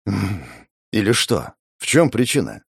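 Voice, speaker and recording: A man voicing a tired father who sighs, argues softly and confesses he is dying. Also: on the low side, big pitch swings, unhurried, vocal fry, husky, dry recording, studio quality, heavily acted. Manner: tired, sighing, pleading. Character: weary dying father, middle-aged man.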